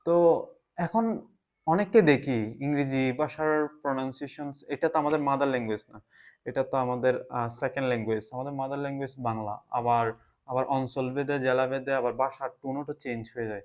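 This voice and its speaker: A man from Bangladesh with a Bangladeshi Bengali accent talks casually to the camera in a reflective way, often pausing to search for words. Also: mid-range voice. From Chittagong, Bangladesh. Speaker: vlogger. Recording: slightly dull lo-fi sound.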